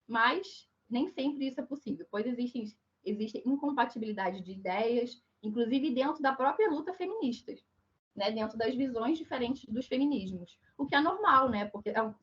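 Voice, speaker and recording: A Brazilian woman with a hoarse, croaky duck-like voice from flu, giving an online lecture in a didactic manner, often checking in with her listeners. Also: high-pitched, expressive, normal speed. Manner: didactic, frequent check-in tags. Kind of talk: online lecture on social issues. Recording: dull, muffled online call audio.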